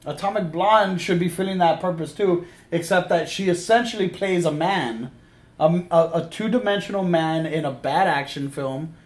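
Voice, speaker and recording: Male review co-host, fairly high voice, emphatic and opinionated, casual and sweary, echoey room sound. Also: moderate pace. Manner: opinionated, emphatic, repeats himself. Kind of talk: casual film review chat with profanity.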